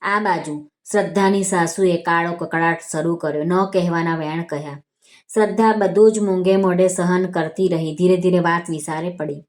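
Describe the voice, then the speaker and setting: A woman with a Gujarati accent narrating a devotional vrat story in a calm, measured reading voice. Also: on the low side. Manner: calm, measured reading with quoted dialogue lines.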